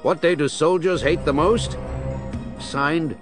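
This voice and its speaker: An actor playing a baffled, gruff male police commissioner in a children's audio drama, puzzled and exclamatory. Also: on the high side, takes it slowly, loud music behind the voice.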